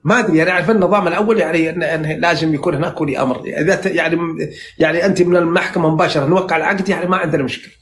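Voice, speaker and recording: A Najdi Saudi man in his sixties, from central Saudi Arabia, interprets dreams on a live stream, talking into his phone in casual chat. His slightly high voice races along very fast as he rambles and flatters, piling up fillers and restarting sentences.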